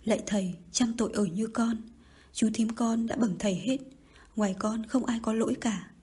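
Woman reading pleading young girl, begging, soft breathy tone. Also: a little high, fairly even intonation, moderate pace. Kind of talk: audiobook reading.

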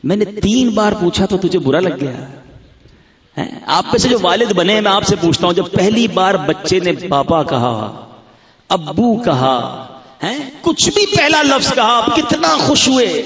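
A man's voice: sits high, very animated, fairly bright tone. A man from Pakistan preaching fervently at a large religious gathering, telling stories and acting out dialogues as he addresses his listeners as brothers. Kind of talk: emotional sermon with storytelling. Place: large gathering near a graveyard. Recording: roomy, slightly dull broadcast recording.

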